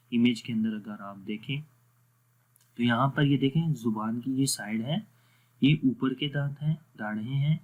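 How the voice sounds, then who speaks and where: A man with an Urdu accent teaching Quran pronunciation in an online tajweed lesson. He explains patiently, checks that students follow, and slowly stretches out letters in practice drills. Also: mid-range voice, a little mellow. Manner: patient, explanatory, repeats "theek hai" to check understanding; drawn-out slow recitation of letter drills.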